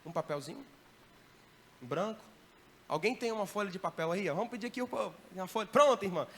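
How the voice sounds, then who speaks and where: A man, a missionary giving a lively church training talk and often checking in with the audience. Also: high-pitched, a little fast, a little hiss or hum. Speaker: missionary teaching evangelism. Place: church hall.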